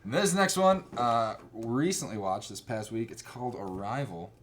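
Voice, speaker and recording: A man's voice: mid-range voice, moderate pace. A man hosting a casual movie review chat, rambling with fillers and acting out scenes. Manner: rambling, laughing, acts out scenes. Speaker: host.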